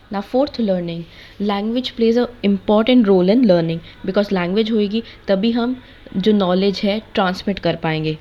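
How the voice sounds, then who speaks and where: Young woman lecturer, mid pitch, slightly dull lo-fi sound. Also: mellow. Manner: mixes Hindi and English, lists points one by one. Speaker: B.Ed. course teacher. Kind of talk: explanatory lecture.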